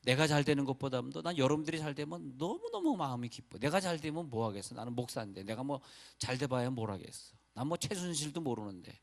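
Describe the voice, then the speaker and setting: A man's voice: mid-range voice, very animated, quick pace, vocal fry, few pauses. Male pastor, chatty sermon, rambling asides, from North Korea, casual preaching tone.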